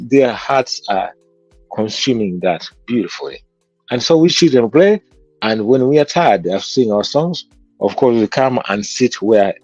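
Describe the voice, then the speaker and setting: In a muffled recording with no echo, a Kenyan-accented man speaks at medium pitch with a darkish tone. He's a guest musician in an interview, reflectively telling stories from his childhood.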